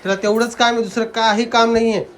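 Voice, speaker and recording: A woman's voice: fairly high pitch, flat delivery, fast talker, noisy background. A young woman, chatting to viewers in a family vlog while coaxing and scolding children. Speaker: family vlogger. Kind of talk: casual family vlog talk.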